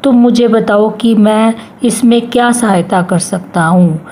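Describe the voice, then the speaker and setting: A struggling hunter with a soft heart, voiced by a woman reading a storybook, talks in a slow, plain, reflective way. The pace is unhurried and measured. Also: medium pitch, natural voice. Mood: musing.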